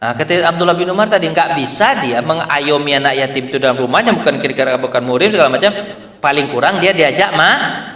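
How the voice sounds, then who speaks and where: A man's voice: on the high side, fast talker, bright, forceful tone. A man giving an Islamic study lecture. He keeps asking his listeners questions, answers them himself, and repeats key phrases. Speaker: Islamic teacher. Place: mosque hall. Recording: echoey mosque hall.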